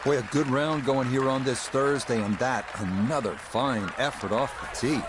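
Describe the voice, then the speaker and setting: A man's voice: mid-range voice, normal speed, natural voice. A man voicing a composed play-by-play golf commentator in a video game broadcast. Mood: composed, approving. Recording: game music and crowd noise behind. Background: music and crowd.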